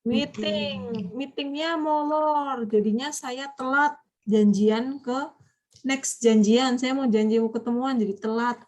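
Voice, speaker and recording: A woman teaches a Japanese vocabulary class with a fairly high voice. She keeps quizzing her students and nudges them along when they are slow to answer. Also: steady tone, a little mellow.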